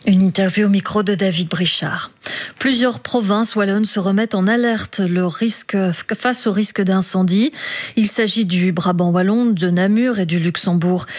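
A woman reading a radio news bulletin in a measured, steady way, with the odd filler. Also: mid-range voice. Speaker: newsreader.

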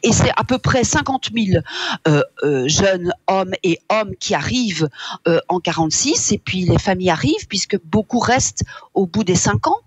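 A woman's voice: mid-range voice, animated, normal speed, breathy edge, dry recording. A woman from Wallonia, a guest in a radio interview who speaks reflectively with many hesitations. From Wallonia, Belgium. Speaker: author and guest.

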